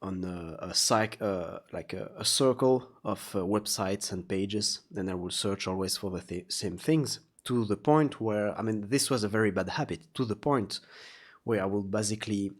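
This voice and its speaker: Low-voiced, halting man with a slightly sore throat. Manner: halting, searching for words. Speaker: vlogger, artist. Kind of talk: casual confessional vlog monologue.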